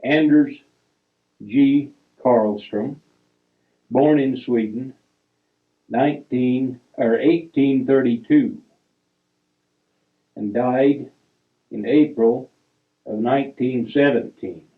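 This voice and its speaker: An older man slowly reminiscing over old family photos, reading out names and dates in halting fragments and correcting himself as he goes. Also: mid-range voice. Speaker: family storyteller. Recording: tinny, phone-like recording.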